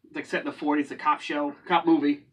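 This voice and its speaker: A man's voice: a little high, flat delivery, quick pace, recorded from a distance. A man co-hosting a casual movie chat, hesitant and full of ums as he searches for names. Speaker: co-host of a movie review show.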